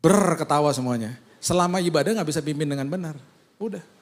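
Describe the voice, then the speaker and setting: A man's voice: a little high, fast. A male pastor, preaching a humorous sermon full of acted-out anecdotes and casual slang. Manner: casual Jakarta slang, joking storyteller.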